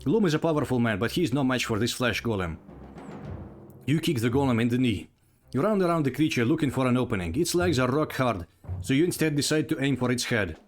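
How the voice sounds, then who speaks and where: A man's voice: mid-range voice, lively intonation, a little fast, faint music behind. A man reading out and narrating a text adventure game, casual, with asides.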